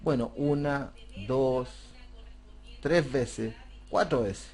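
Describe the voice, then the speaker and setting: A man's voice: medium pitch, very slow, a little mellow. A man teaching a computer class, explaining a spreadsheet step by step and asking rhetorical questions. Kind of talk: screen-recorded software tutorial.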